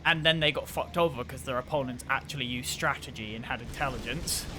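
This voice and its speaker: A young man streaming a game, rambling in casual commentary, swearing freely and breaking into excited outbursts. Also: mid-range voice, fairly quick, over music.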